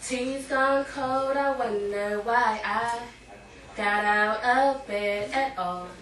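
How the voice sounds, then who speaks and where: At a poetry night in an indoor cafe, a woman poet performs a live spoken-word reading of verse in a high, pushed, bright voice. The distant microphone picks her up in an echoey live room.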